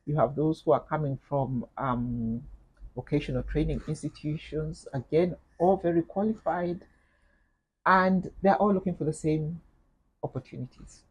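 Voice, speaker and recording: A middle-aged woman with a Kenyan accent, speaking as an interview guest in a measured, thoughtful way, with frequent fillers and repeated words. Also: deep voice, a little mellow, husky, low-quality recording. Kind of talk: reflective interview conversation.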